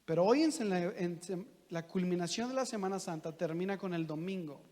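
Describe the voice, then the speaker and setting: Pastor guy preaching, high voice, lots of questions to the crowd, echoey church. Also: moderate pace, a little mellow. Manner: conversational preaching with rhetorical questions to the congregation. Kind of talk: sermon. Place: church hall. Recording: long church reverb.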